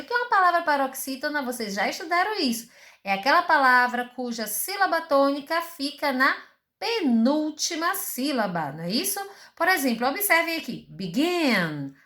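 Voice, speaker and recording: A woman's voice: on the high side, a bit bright. A woman teacher with a Brazilian Portuguese accent giving a recorded school lesson, explaining patiently and asking rhetorical questions.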